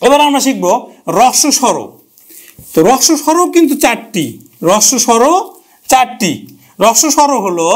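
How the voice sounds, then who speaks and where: A man teaching a grammar lesson who repeats key terms and asks and answers his own questions. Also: sits high.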